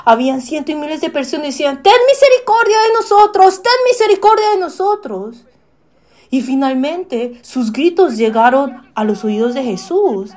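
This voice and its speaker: Woman preacher, sermon, fairly high voice, hesitant with fillers, asks the listeners questions. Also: warm tone. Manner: asks the listeners questions and acts out quoted pleas.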